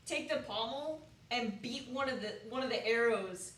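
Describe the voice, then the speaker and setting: A woman describes her moves in casual, animated game chat. Her voice is bright and fairly high, heard away from the mic in an echoey room. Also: normal speed, far from the mic. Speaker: tabletop game player.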